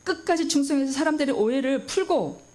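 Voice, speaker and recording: A woman's voice: high-pitched, expressive, fairly quick, warm tone. A middle-aged woman pastor preaching a sermon with emphasis, asking the congregation questions and acting out quoted voices.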